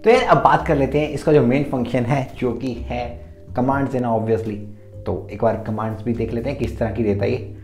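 Gravelly-voiced man chatting through a review. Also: medium pitch, steady tone, fairly quick, darkish tone, faint music behind. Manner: chatty, mixes Hindi and English. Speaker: tech reviewer. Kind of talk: casual product review. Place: indoor room lit by softbox lights. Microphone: his own mic set up. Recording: roomy echo.

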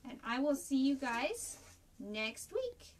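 A woman's voice: high-pitched, big pitch swings, slow, distant mic, slight background noise. A woman librarian reading a picture book aloud and talking directly to children at a virtual story time. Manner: friendly, talks to children directly.

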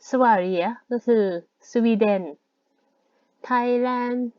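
A woman teaching a language lesson in a relaxed, casual way, explaining words one at a time. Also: a little high, slow pace, no room sound, highs cut off.

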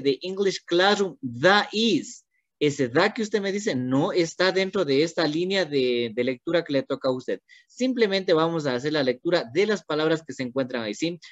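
An English teacher with an Ecuadorian Spanish accent who patiently corrects students and reads English lines slowly, word by word. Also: medium pitch, dry recording. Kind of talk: online class instruction. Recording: dull, dry, lo-fi.

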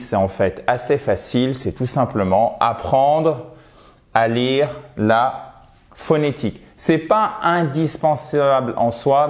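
A man's voice: mid-range voice, a little mellow. A man teaching an online lesson about English pronunciation in a chatty, encouraging way, often checking in with the viewer.

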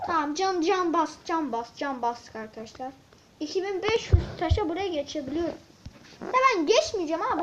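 A high-pitched woman chatters through a let's-play, quick to get excited and quick to grumble at the game. The sound is dull and lo-fi, with a faint hiss and clicks underneath. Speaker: gaming channel host. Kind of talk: casual let's-play commentary.

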